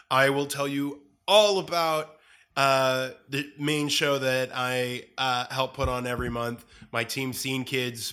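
A man's voice: medium pitch, bright, forceful tone, smooth. A man chatting as a podcast guest about his improv show, rambling with lots of uhs and laughter. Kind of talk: casual chat.

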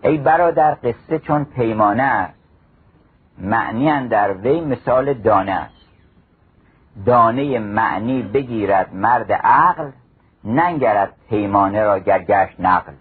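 A man's voice: on the low side, lively intonation, husky. A man giving a storytelling talk on mystical wisdom, reciting classical verse in a chanting cadence. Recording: phone-like narrow radio recording.

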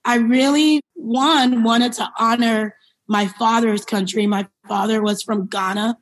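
A woman with a fairly high, steady voice, speaking a little slowly on poor audio, appears as an interview guest. Born in Liberia and raised in New York City, she's a company founder and CEO who tells her personal story in conversational answers, reflective and explanatory, leaning on key words.

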